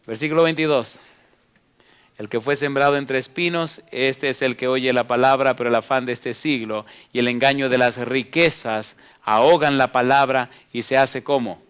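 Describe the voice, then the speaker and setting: A man's voice: mid-range voice, steady tone, moderate pace, fairly bright tone, clean tone. A male pastor preaching a sermon, reading scripture and asking the congregation rhetorical questions.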